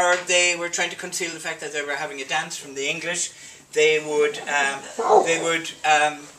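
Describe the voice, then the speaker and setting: A man's voice: on the high side, a little hiss or hum. A man from Ireland bantering between songs at a live folk concert, telling jokes with dry punchlines. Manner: joking storyteller, dry punchlines, chuckles often. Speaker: folk musician and band member. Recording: distant live concert recording with loud music.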